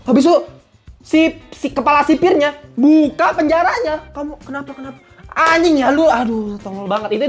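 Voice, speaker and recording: A young woman reviewing a series in a casual, blunt and animated way, full of slang and the odd swear word. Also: fairly high pitch.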